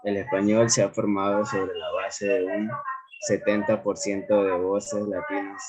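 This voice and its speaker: A man presenting to his class, reading haltingly with pauses and restarts. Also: on the low side, flat delivery, noisy background. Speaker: student presenter. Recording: dull lo-fi call audio.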